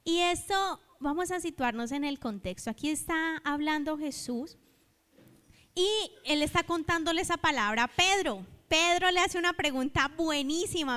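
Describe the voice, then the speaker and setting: This is a woman preacher from Colombia whose high voice has a bit of brightness. Telling a parable during her sermon, she dramatizes its dialogue and calls for the congregation to say her words back. Hall reverb from the church fills the recording.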